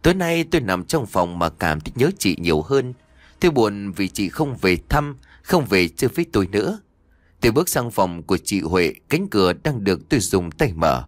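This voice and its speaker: A man narrating an audio story in an expressive storytelling manner. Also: fairly low pitch, moderate pace, no room sound. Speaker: audiobook reader.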